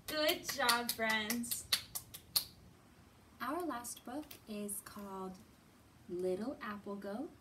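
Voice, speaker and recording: A librarian in her thirties reads a picture book and talks expressively with little ones during storytime. Her voice is fairly high, with drawn-out words and long pauses, and the recording is very noisy.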